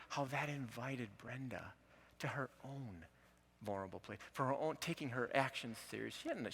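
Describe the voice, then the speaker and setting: A middle-aged man teaches about marriage through a counseling story he tells with earnest conviction. His voice is bright and forward with a gravelly fry. He quotes the people in the story in an animated way, and a faint hum sits underneath. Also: medium pitch.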